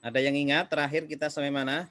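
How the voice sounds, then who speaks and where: A man teaching an Arabic reading class, slow and patient, repeating each student's answer. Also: a little high, little pitch movement, a bit bright, no echo. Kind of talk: online class drilling students.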